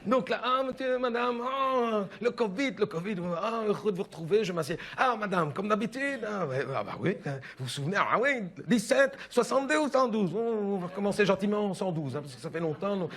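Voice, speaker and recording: A chatty middle-aged mother with a Belgian French accent pours out her grievances, dropping "hein" and "écoute bien" as she goes, as a man voices her on stage. The voice sits high and bright. She confides in the listener like a neighbour over the fence. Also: lively intonation, brisk, few pauses. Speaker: stand-up comedian in character. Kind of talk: stand-up character monologue.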